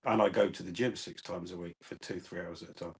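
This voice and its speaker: A man's voice: sits low, quick pace. A man chatting casually on a live stream, restarting his words often as he tells stories. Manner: stammers on restarts, animated storytelling.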